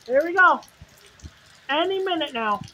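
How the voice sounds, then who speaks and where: A very high-voiced woman delivers live storm-chasing commentary over faint weather noise. She is excitable and exclamatory, coming back to the same short phrases again and again. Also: a little slow. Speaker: storm chaser livestreaming. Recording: noisy outdoor recording with rain and wind.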